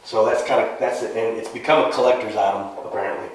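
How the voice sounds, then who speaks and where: A man's voice: fairly low pitch, fast talker, a little hiss or hum. A man co-hosting a bourbon tasting, explaining at an easy pace with lots of fillers. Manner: relaxed, filler-heavy explaining. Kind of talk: casual chat. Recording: roomy sound from far off.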